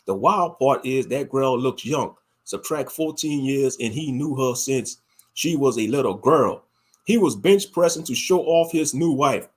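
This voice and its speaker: Reading viewer comments on his livestream, this Louisiana host talks casually in a medium-pitched, expressive voice that runs a little slow. He's colloquial, has a Louisiana accent, and tends to repeat phrases for emphasis.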